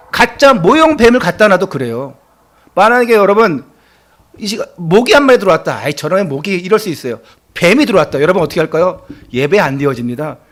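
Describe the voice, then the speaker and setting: Animated high-voiced male preacher. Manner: earnest preaching with rhetorical questions. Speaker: pastor. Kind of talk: sermon.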